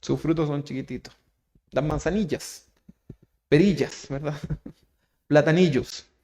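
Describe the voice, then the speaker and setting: A man with a Chilean accent preaching a sermon as pastor, asking his listeners questions and tagging lines with "¿verdad?", swinging from loud emphatic phrases to soft asides. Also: on the high side, measured pace, slight background noise. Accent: Chilean Spanish. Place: church.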